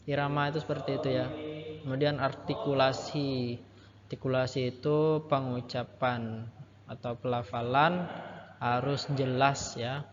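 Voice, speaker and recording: A man teaching a lesson, explaining step by step with patient repetition and a habit of ending phrases with a soft "ya". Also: medium pitch, flat delivery, a little slow. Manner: explains patiently, repeats key points, ends phrases with "ya". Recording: muffled, roomy with long reverb and crowd behind.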